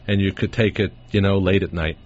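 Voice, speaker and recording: A man's voice: low-pitched, fairly even intonation, fairly quick, a little mellow. A man hosting a call-in radio show, answering callers in a plain, matter-of-fact way, taped off the radio. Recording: dull radio taping, faint hiss.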